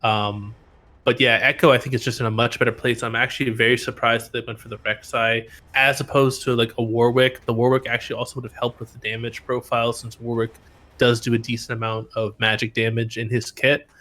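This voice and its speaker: A man's voice: medium pitch, level tone, brisk, sharp tone. A man casting an amateur esports final, explaining drafts steadily while his voice tires. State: voice tiring. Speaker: esports caster. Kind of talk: play-by-play casting.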